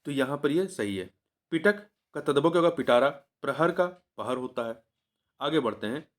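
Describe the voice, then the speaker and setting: A man's voice: medium pitch, expressive, moderate pace. A male teacher giving an exam revision lesson. He repeats each answer several times in a coaxing way and corrects himself mid-sentence.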